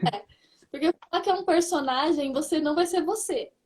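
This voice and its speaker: A woman hosting a casual interview, talking in a lively, chatty way over a video call. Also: high voice, fairly quick, a crowd in the background. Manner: lively, chatty, tags phrases with "né". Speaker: host.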